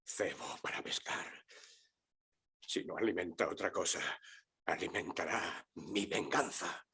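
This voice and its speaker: A raspy, vengeful old merchant. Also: male voice, low voice, measured pace, pushed and bright, full character voice. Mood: grim, bitter. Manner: grim, menacing declamation. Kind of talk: dubbed film drama.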